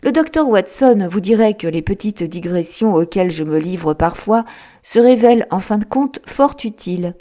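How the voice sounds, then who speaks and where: A woman voicing a sharp, composed male detective in an audiobook, with a lifted, emphatic delivery. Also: mid-range voice, lively intonation, normal speed, voice pushed up, natural voice. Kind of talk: audiobook character reading.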